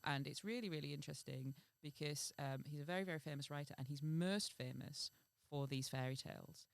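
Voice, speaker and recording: A woman's voice: low-pitched, brisk, vocal fry. A young woman co-hosting a podcast, chatting casually and reading a fairy tale aloud, giggly between passages. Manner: chatty, giggly, reads story passages in a steadier tone. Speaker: podcast co-host and storyteller.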